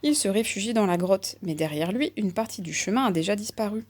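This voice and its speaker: A woman narrating a children's picture book aloud. Her reading is calm and even, at a steady storytelling pace. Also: medium pitch, fairly quick.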